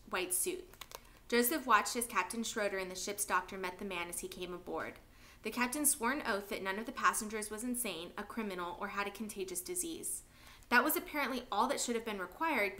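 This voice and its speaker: A woman teacher reads a novel aloud from home in an expressive storytelling manner. Her voice is bright and clear, sitting at a middle pitch.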